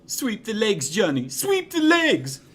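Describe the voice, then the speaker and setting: Squealing cartoon mice. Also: male voice, high-pitched, big pitch swings, moderate pace, pitched above the performer's own voice. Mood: gleeful. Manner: squealing, gleeful. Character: two excited male cartoon mice.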